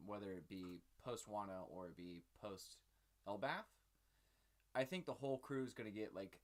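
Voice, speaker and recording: A man's voice: fairly low pitch, a bit bright. A man hosting his own channel, talking through his theories in a rambling, filler-heavy, casual sit-down chat. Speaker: channel host.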